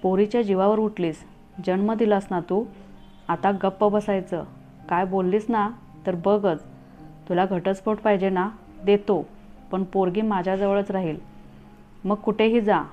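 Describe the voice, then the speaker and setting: A woman's voice: mid-range voice, fairly even intonation, measured pace, natural voice. A woman doing a stern scolding husband. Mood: harsh, scolding. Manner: harsh, scolding, commanding. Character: angry stern husband, a young father. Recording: tinny phone-like audio, faint music.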